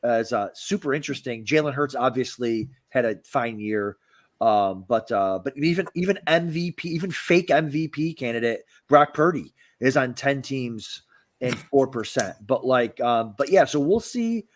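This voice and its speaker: On a fantasy football podcast, a male co-host trades casual banter in a mid-range voice at a moderate pace. He is excitable, frequently stammering and repeating words.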